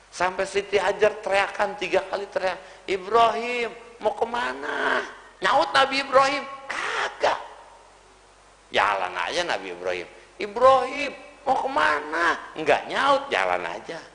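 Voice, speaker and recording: A man, preaching a lively, joking sermon in colloquial slang to a mosque congregation. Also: high-pitched. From Indonesia. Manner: lively humorous storytelling in Betawi-style slang. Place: mosque hall. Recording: reverberant mosque hall.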